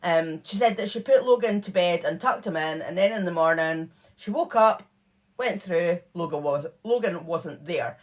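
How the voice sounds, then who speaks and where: With a fairly low voice and lively intonation, she moves at a moderate clip. As co-host of a true crime podcast, she runs through case notes conversationally, leaning on fillers and asides.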